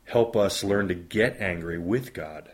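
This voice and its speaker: A deep-voiced man in his fifties, a pastor, speaks at a measured pace. In an interview conversation he sounds earnest and reflective, stacking up lists for emphasis.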